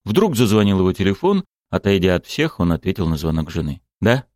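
Low voiced guy reading an audiobook, lively intonation, dry close mic. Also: fairly quick, dry recording. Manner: expressive, storytelling. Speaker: narrator. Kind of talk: audiobook narration.

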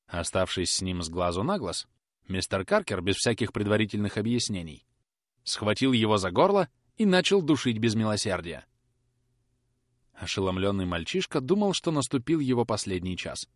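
A man reading a classic novel aloud, narrating in an expressive, measured way. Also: on the low side, no room sound, clean studio sound. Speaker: audiobook reader. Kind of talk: audiobook narration.

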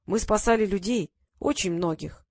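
A woman voicing a frail old man who speaks slowly in short sentences, with a whistling lisp from bad dentures. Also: mid-range voice, darkish tone, no room sound, studio quality, natural voice. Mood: fond. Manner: slow, halting.

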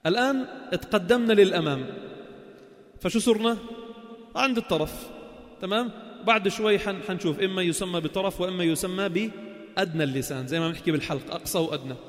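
A man with a Levantine Arabic accent teaching Quran recitation, asking questions and chanting sounds slowly to show them. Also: high-pitched, long reverb tail. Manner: slow, drawn-out chanted demonstrations of sounds and words; asks the class questions and answers them himself. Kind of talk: spoken lesson on tajweed.

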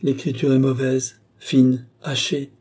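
A man voicing an entranced woman seer who answers obediently and haltingly. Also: mid-range voice, level tone, a little mellow, husky. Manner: halting, submissive replies.

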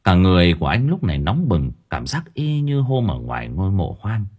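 A man's voice: sits low, wildly swooping pitch, brisk, a little mellow, husky. A man narrating a story expressively. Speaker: audiobook narrator.

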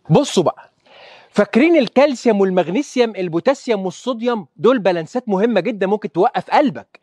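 High-voiced, fast-talking Egyptian doctor lecturing. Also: male voice, darkish tone, dry recording. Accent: Egyptian Arabic. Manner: fires rhetorical questions and quizzes listeners. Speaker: doctor giving a health talk. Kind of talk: lively lecture to an audience.

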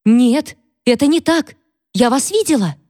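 A terrified young maid, as a woman reads her aloud, quavering and high-pitched, pleading through tears. The lines come slowly and strained, with a darker, mellow tone underneath. It is a dry, close reading of a historical novel. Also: expressive, dry recording. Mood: frightened, accusing. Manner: tearful, pleading, shrill outbursts. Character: frightened young maidservant girl, hysterical, accusing.

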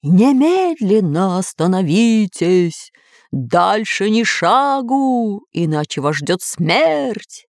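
A woman voicing the ghost of a male pirate captain, speaking slowly and menacingly. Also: mid-range voice, sing-song, darkish tone, no echo, clean studio sound. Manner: slow, drawn-out, threatening.

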